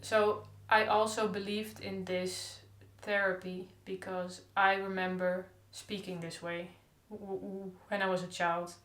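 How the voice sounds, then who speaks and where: With hardly any pauses, a young woman talks unhurriedly and flatly in a medium-pitched, fairly bright voice, stuttering openly with repeated sounds. It's a casual, diary-style vlog recorded in an echoey room.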